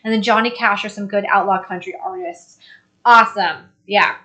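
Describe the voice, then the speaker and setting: A woman's voice: medium pitch, fairly even intonation, moderate pace, bright, forceful tone. A young woman co-hosting a casual live stream, reading viewer comments aloud and laughing easily. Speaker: co-host reading live chat.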